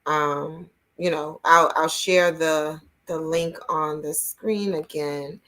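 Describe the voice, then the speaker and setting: Bright-voiced woman hosting an online talk. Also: sits low, steady tone. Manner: many "um" fillers, slow and thoughtful. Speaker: host of an online school network talk. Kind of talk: casual interview hosting.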